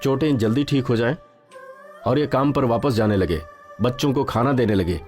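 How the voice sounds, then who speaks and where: An actor dubbing a cautious, resigned doctor who speaks in a calm, measured way. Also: male voice, mid-range voice, natural voice. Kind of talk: Hindi dubbed action film. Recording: film dub with background music.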